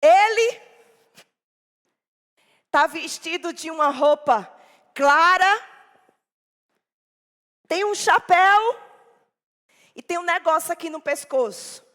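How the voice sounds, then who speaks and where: A woman voicing a bossy five-year-old boy who shouts in a high, shrill child voice. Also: expressive, takes it slowly, pauses often, full character voice. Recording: echoey church hall.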